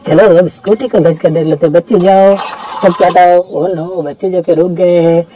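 A man narrates toy play with bursts of excited exclamations and repeated words. His voice sits a little high but sounds mellow. A faint hiss of room noise lies behind him. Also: moderate pace, poor audio. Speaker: toy video host.

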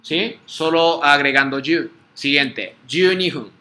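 Guy teaching a class, brightish voice, keeps going "¿sí?". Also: on the high side, slow pace. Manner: patient, repeats words for students to echo, frequent "¿sí?" checks. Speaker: Japanese language teacher. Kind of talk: online class drill, call and repeat.

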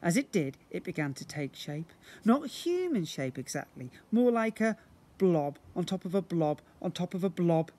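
Standing outdoors by brick houses, a man in his fifties animatedly reads a story for young children, hamming up the sound effects. He has a high voice and talks at a normal speed. A phone or camera at about arm's length does the recording.

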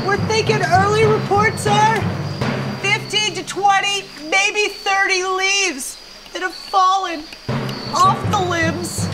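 A middle-aged woman playing a self-important, overwrought TV storm reporter in a spoof live weather report, stretching her words for drama. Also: very high-pitched. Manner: overwrought, drawn-out dramatic emphasis. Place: outdoors at night on rainy driveway. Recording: rain noise outdoors, camera mic. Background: rain falling.

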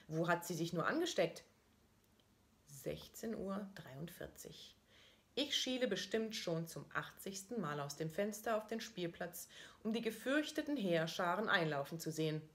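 A woman with a fairly low voice reads her own diary-style prose, keeping her delivery wry and deadpan. The tone is that of an author performing her own text. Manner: dry, ironic storytelling. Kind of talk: first-person diary-style story reading.

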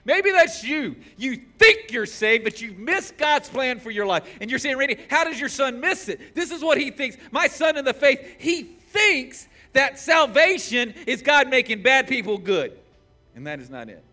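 Impassioned bright-voiced male pastor preaching. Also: extremely high pitch, sing-song, moderate pace, faint music behind. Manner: impassioned, swings from shouting to hushed prayer. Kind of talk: sermon. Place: church stage, indoors.

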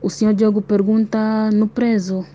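Woman, dark mellow voice, steady detailed account, lo-fi voice note. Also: medium pitch, moderate pace. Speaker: prisoner's wife giving testimony. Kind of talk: recorded voice-message account. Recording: dull lo-fi voice note, faint noise.

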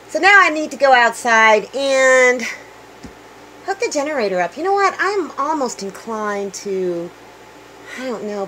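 Middle-aged woman, homestead vlogger, chatty upbeat talk, fairly high voice, light background hiss, phone mic. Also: a bit bright, low-quality recording. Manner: chatty, upbeat, thinking aloud. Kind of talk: casual vlog narration. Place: small tiny house, indoors, and garden outdoors. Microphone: handheld phone camera.

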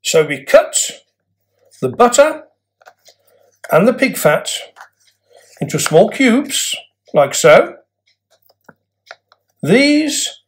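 A middle-aged man playing a pompous King Henry VIII as a cookery demonstrator, with archaic, deliberate phrasing and dramatic pauses, recorded in a room from a distance. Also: high voice, heavily acted. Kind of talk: mock-Tudor cookery demonstration to camera. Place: indoor room with cloth backdrop. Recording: roomy, distant camera microphone.

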